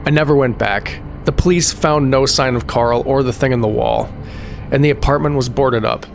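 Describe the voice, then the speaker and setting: A man narrating a scripted first-person horror story in a suspenseful, deliberate, dramatic way. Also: medium pitch, creaky, a little hiss or hum. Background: music behind the voice.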